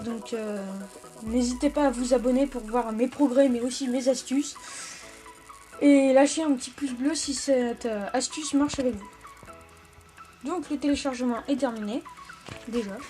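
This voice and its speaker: A high-pitched woman with fairly even intonation and a mellow tone hosts a casual phone app tutorial, taking viewers through it one step at a time. Her delivery is halting and full of small self-corrections, with clear background music beneath her voice.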